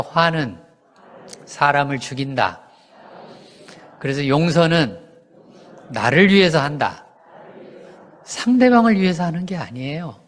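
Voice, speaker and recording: High-voiced pastor preaching in a hall. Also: male voice. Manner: conversational preaching, asks the congregation questions and answers them himself; acts out quoted lines in lively voices. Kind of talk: sermon.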